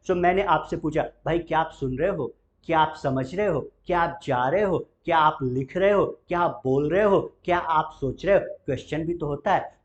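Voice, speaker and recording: A male English teacher with an Indian accent, teaching a spoken lesson and repeating example phrases slowly for practice. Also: high-pitched, dull audio. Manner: repetitive drilling, models phrases slowly.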